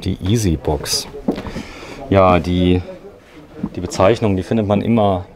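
Upbeat guy hosting a camper tour, lowish voice, asks stuff and sums it up. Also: unhurried, noisy background. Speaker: interviewer and show host. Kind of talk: trade-fair walkthrough interview. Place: inside a camper van at an indoor trade fair.

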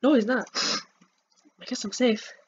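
Excitable girl narrating her game. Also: on the high side, a little slow, husky. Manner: chatty, excitable, talks to viewers. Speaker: gameplay commentator. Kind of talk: casual let's-play chat. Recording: dull lo-fi mic with faint hiss.

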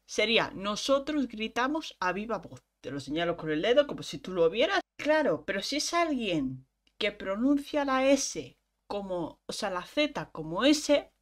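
A woman's voice: mid-range voice, big pitch swings, a little slow. A young woman, chatting casually and thinking aloud as she explains quiz answers. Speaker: vlogger.

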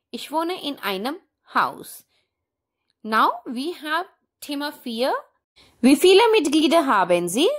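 Her voice a little high and somewhat bright, a woman with an Indian accent teaches language carefully and methodically. She repeats example sentences as part of her instruction.

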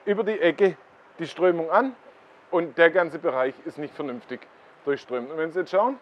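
A man's voice: fairly high pitch, moderate pace, lo-fi sound. A man hosts a koi blog, explaining things casually at a pond and pointing them out to the viewer.

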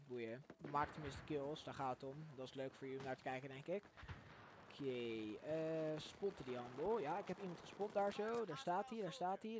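Excitable young man commenting gameplay. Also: on the high side, noisy background. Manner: chatty, excitable, swears in English when surprised. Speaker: gaming channel host. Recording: game gunfire loud behind voice.

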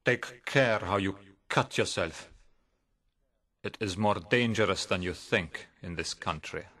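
A man's voice: sits low, takes it slowly, sharp tone, full character voice. A man voicing a sinister old vampire count in an audiobook, speaking in solemn, menacing warnings.

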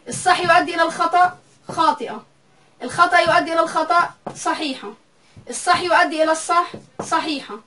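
A woman's voice: very high-pitched, pushed and bright, far from the mic, slight background noise, low-quality recording. A woman teaching a math lecture. She goes step by step and says each value aloud more than once.

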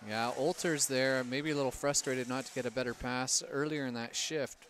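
A man giving color commentary on a lacrosse game, relaxed and analytical, joking with his partner. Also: mid-range voice, moderate pace. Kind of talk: live sports commentary. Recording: noisy outdoor ambience behind the mic.

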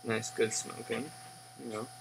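A young man giving a casual, rambling review in a halting way that trails off, recorded on a webcam in a living room. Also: mid-range voice, level tone, gravelly. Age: young adult. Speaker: pipe tobacco reviewer. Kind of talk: casual unscripted review chat. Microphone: webcam at desk distance. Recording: humming, noisy webcam audio.

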